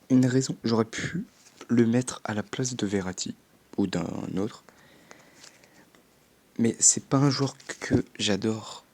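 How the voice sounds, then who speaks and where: Young male gaming YouTuber, husky and low, casual commentary, swears offhandedly. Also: a little mellow. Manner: chatty, swears offhandedly, punctuates with sound effects.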